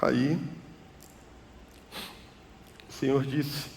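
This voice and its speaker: Brazilian pastor preaching in a reverberant hall. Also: male voice, medium pitch, flat delivery, unhurried, creaky, a little hiss or hum. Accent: Brazilian Portuguese. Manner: preaching with big swings from loud cries to soft hushed tones. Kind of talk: sermon. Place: church hall. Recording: church hall reverb with music behind.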